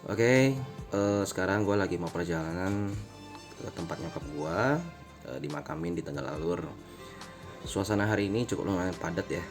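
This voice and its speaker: Riding his motorbike through traffic, a late-20s Indonesian vlogger born in Medan records a casual personal vlog on a helmet camera, with music behind him. His low voice keeps a moderate pace as he rambles in Jakarta slang, fixes his own slips, and laughs at his own humor.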